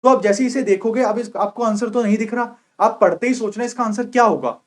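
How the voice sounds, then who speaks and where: A young man teaching an exam-prep vocabulary lecture, repeating each point and often checking whether students are clear. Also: sits high, fast talker.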